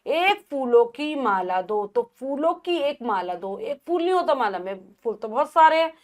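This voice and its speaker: A woman teacher giving a grammar lesson to children, repeating words slowly and carefully to show the correct spelling. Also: high voice, sing-song, darkish tone.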